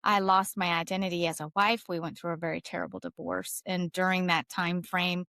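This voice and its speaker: A woman's voice: lowish voice, flat delivery, fairly quick, gravelly, sharp tone, no room sound. A woman in her forties, a podcast guest, telling her story candidly and with emphasis, laughing easily. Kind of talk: conversational interview storytelling.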